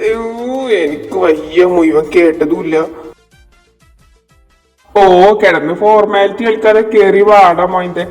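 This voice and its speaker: A man's voice: high-pitched, steady tone, measured pace, pauses often. A man doing a cocky, brash young playboy. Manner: cocky, dismissive banter. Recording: echoey room with long reverb, from far off, music behind.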